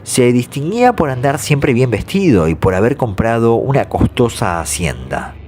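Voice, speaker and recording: A man narrates scripted horror legends in a measured storytelling way. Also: medium pitch, very animated, slight background noise. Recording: faint music behind the voice. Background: soft background music.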